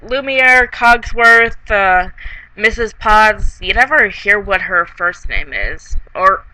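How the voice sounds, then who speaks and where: A comedic reviewer of ambiguous sex sounds tipsy while recapping a film casually. The voice is very bright and sharp, at a middling pitch. Delivery is slow and halting, rambling along and trailing off between thoughts. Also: animated, no room sound, low-quality recording.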